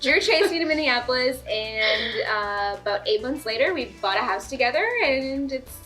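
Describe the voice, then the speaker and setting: Bubbly high-voiced woman. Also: moderate pace, bright, forceful tone, faint music behind. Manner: giggly, rambling storyteller. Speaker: podcast co-host. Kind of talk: casual chat.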